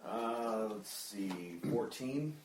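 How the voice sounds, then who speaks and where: A low-voiced man gives terse, plain answers as a player at a game table. His voice carries the echo of the room they play in. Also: animated, extremely slow, a little mellow. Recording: roomy table recording.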